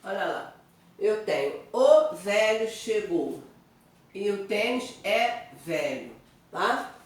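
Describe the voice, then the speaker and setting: Her voice heard from a distance in a very echoey room, a woman teaches Portuguese grammar in an online review lesson. She speaks at a slow pace with an animated, mid-range voice, explaining things step by step and checking in with her students.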